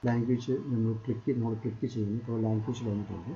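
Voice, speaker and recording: Man with a dark, muffled voice. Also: on the low side, steady tone, racing, a little hiss or hum. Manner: repetitive, pointing out items on screen. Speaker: English teacher. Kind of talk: screen-share tutorial.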